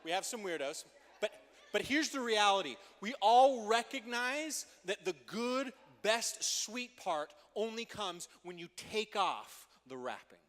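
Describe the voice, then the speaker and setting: Youth pastor guy preaching, kinda high voice, big reverby hall, joking with the kids. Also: a little slow. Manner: energetic, playful asides to teens. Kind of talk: youth group sermon.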